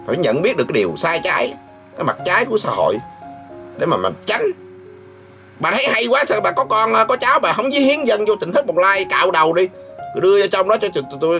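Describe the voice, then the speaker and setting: A man delivers a mocking, scolding vlog rant in a lively, swooping voice pitched a little high. He laughs mid-sentence as he jeers. Faint music plays behind him. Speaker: vlogger host.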